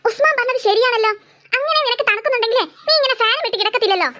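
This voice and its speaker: A woman voicing a sharp-tongued, sarcastic middle-aged mother in a cartoon series, scolding her daughter. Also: very high-pitched, racing, noisy background. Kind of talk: cartoon voice acting.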